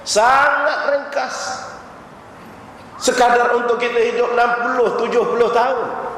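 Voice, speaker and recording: Speaking in a very high, slightly bright voice with a flat delivery, a religious teacher with a Malaysian Malay accent preaches fairly quickly, telling stories and posing rhetorical questions to the audience. The hall is very echoey, with faint background noise.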